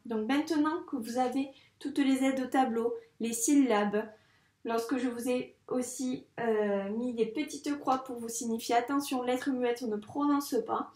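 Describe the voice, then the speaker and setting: A woman teaching a reading lesson to young children, speaking slowly and patiently with careful articulation. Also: fairly high pitch, darkish tone, echoey room. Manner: slow, patient, clearly articulated. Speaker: first-grade teacher.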